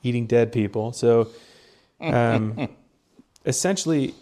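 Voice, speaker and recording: A man's voice: medium pitch, takes it slowly, dark tone. A young man co-hosting a casual podcast, explaining research in a rambling way, with lots of fillers and restarts. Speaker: podcast co-host presenting research. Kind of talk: casual chat.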